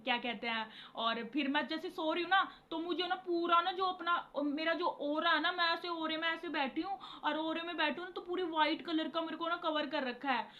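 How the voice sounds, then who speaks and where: High, bright young woman telling her story. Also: brisk, hardly any pauses, lo-fi sound. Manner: rambling, emotional, repeats herself often; addresses viewers as guys. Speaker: vlogger. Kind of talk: casual personal storytelling to camera.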